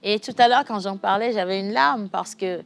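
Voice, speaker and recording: This studio talk-show host chats animatedly in French with a Togolese accent, laughing and reading out messages from viewers. Her voice is mid-range with vocal fry, at a normal speed, and she moves between chattiness and softness.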